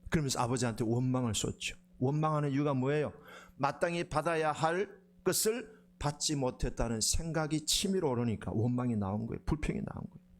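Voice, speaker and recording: A male pastor, preaching a sermon in a lively, conversational way and often asking the congregation questions. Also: mid-range voice, fairly quick.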